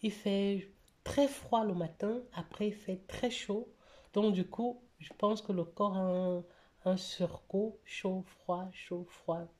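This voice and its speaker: In a casual budget vlog to camera, a woman talks about her weekly spending, hesitating often with lots of fillers and restarts. A cold leaves her slightly stuffy. Her mid-range voice is darkish, fairly even in intonation, and slow.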